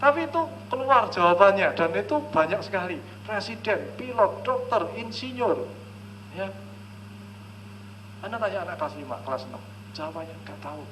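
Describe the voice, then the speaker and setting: Male counselor giving a live seminar talk, voice a touch high, frequent audience check-ins, faint hiss underneath. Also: animated, normal speed, a bit bright, poor audio. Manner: keeps checking in with "ya" and "oke?", acts out parent and child dialogues.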